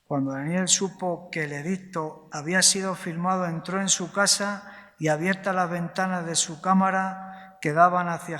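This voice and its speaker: A man preaches a sermon in a slow, deliberate way, his voice sitting a little high for a man. He puts questions to the congregation and answers them himself, tagging many lines with a short "sí?". His voice rings with the long reverb of a church hall. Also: sharp tone. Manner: frequent tag questions, slow deliberate emphasis. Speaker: pastor.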